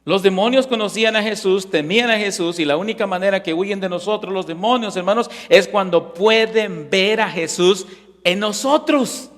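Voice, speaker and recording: Male pastor, sermon delivery, emphatic with rhetorical questions; slightly high voice, reverberant church hall. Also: moderate pace, a bit bright. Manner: emphatic, rhetorical questions, frequent "ok?" check-ins.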